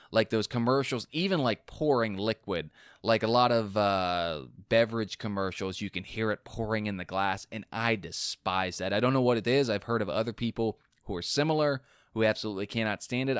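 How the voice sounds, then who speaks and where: A man hosting a solo sports podcast, talking fast in animated rants, his mouth going dry. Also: fairly low pitch, smooth, no room sound. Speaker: podcast host.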